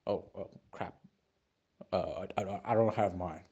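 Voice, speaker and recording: A man voicing a scheming, greedy cowboy boss in a comic cartoon, talking in halting repetitions. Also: sits low, creaky, warm tone, breathy edge, dull audio, exaggerated voice. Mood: sheepish. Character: scheming, beer-craving cowboy boss with a low voice.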